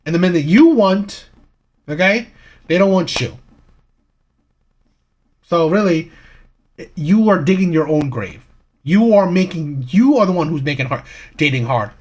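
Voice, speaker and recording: A man's voice: a little high, lively intonation, a little slow, pauses often, lo-fi sound. A man hosting a live stream, giving casual commentary on clips in a lecturing way, full of rhetorical questions and repeats.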